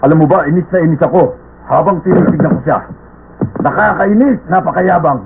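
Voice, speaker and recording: Mr. Hobbs, a high-voiced grumpy grocer. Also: male voice, brisk, noisy background. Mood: indignant. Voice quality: blustering, scornful, clears throat. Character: grumpy middle-aged male grocer who scorns nobles. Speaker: shopkeeper. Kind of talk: Tagalog cartoon dub. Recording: tinny lo-fi dub with faint music.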